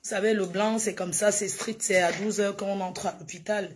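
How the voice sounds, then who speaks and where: Woman hosting a casual morning phone live stream, soft-spoken and chatty, faint hum behind. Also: medium pitch, fairly even intonation, normal speed. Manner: chatty, greets viewers affectionately; speaks softly in the morning.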